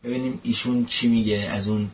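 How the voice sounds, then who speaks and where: A man's voice: medium pitch, level tone, muffled recording. A man hosting a political commentary show, mocking and scornful as he tells stories and introduces clips.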